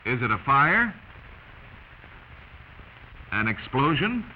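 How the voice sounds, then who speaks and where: Reading from a script, an American man narrates a 1940s instructional film in a deliberate manner with lively pitch movement. The aged soundtrack sounds dull and a bit noisy.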